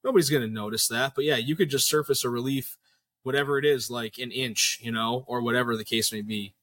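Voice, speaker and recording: A man with a mid-pitched voice talks shop casually. He explains hands-on technical steps as a machinist would to a colleague, laying them out one after another. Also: brisk, fairly bright tone. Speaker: machinist advising a fellow knifemaker.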